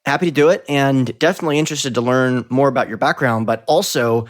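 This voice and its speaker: Podcast host, man, mid-pitched, upbeat and promo-friendly. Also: fast talker. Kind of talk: podcast intro and interview.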